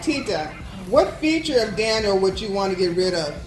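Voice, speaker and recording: A woman's voice: medium pitch, very animated, normal speed. A woman casually hosting a game, putting questions to contestants. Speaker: host quizzing contestants. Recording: echoey room with music behind.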